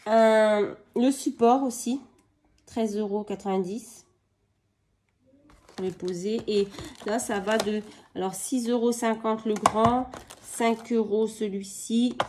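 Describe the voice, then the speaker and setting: A woman, a mother, showing her craft purchases in a casual haul video, speaking slowly with many hesitations and fillers. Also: mid-range voice, darkish tone. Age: adult, with children. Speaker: craft vlogger.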